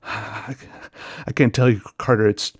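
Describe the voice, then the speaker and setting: A man's voice: little pitch movement, unhurried, husky, no echo, clean studio sound. A man reading a story aloud, voicing a terrified man trapped underground who whispers shakily and then screams in despair. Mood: whispering terror. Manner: shaky whispers rising to frantic high screams.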